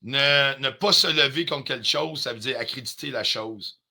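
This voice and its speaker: A man's voice: medium pitch, moderate pace, creaky, sharp tone. A man with a Quebec French accent ranting on a live stream, confrontational and heated, swearing often and dropping in English phrases. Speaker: livestreamer.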